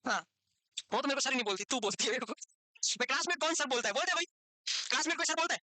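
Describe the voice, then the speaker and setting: High-voiced, fast-talking teasing male teacher. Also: pushed and bright, dry recording. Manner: teasing, chatty storyteller. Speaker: nursing teacher. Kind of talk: classroom lecture with joking asides.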